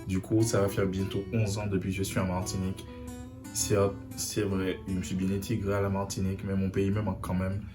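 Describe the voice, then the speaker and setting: A young Haitian vlogger speaks earnestly to camera in a personal video message, repeating himself often to drive his point home. His deep voice is completely flat and fairly quick, with faint guitar music behind him.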